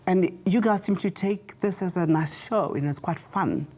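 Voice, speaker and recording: Blunt, deep-voiced woman judge. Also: normal speed, dark tone, breathy edge. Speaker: talent show judge.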